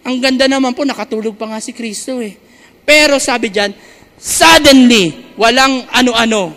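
High, bright-voiced preacher in a hall. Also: male voice, fairly quick. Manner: emphatic, drawing out key words and asking the congregation. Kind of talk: sermon. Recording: reverberant hall.

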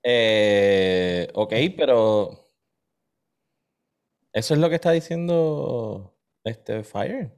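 A man's voice: fairly low pitch, very slow, pauses often, darkish tone, smooth. A man co-hosting a casual gaming podcast, dropping in dry, sarcastic remarks. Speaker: podcast co-host.

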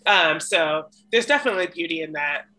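A woman's voice: low-pitched, lively intonation, fairly quick, bright, forceful tone, low-quality recording. A young woman co-hosting a casual podcast chat, playful and teasing, with plenty of "um"s. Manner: playful, teasing, many ums. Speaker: podcast co-host.

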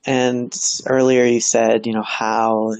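A podcast co-host speaks slowly and calmly in a dark, mellow tone. The voice sounds dry and close, with no room echo. The questions are supportive and follow the other host's story. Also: mid-range voice, creaky, muffled recording. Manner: calm, supportive interviewer. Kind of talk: casual podcast chat.

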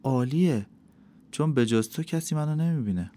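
A man reading an audiobook, voicing the gentle ghost of a young woman who speaks softly and reassuringly. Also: medium pitch, expressive, close to an everyday voice. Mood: wondering. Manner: soft, soothing, reassuring. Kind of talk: audiobook character voice.

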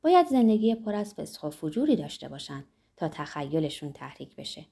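A woman's voice: low-pitched, very animated, creaky, mellow, breathy edge, voice pushed down, heavily acted. A woman reading the lines of a boastful, argumentative male pharmacist in an audiobook, in a self-satisfied, gossiping manner. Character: boastful talkative middle-aged male pharmacist.

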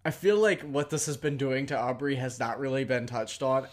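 A man's voice: mid-range voice, normal speed. A man co-hosting a podcast, giving his opinions on an episode in informal chat. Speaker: podcast co-host. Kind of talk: casual opinionated review chat.

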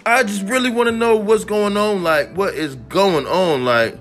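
A man hosting a mock talk-radio show, ranting excitably and repeating himself with lots of "like.". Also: high voice, measured pace, over music. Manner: excitable, repetitive, peppered with "like". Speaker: host of a homemade radio-style show.

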